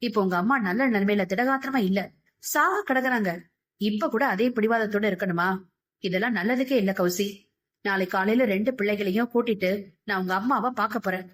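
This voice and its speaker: Woman reading a gentle coaxing husband. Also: medium pitch, normal speed, natural voice. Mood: firm. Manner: soft, coaxing, pleading. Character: gentle middle-aged husband and father.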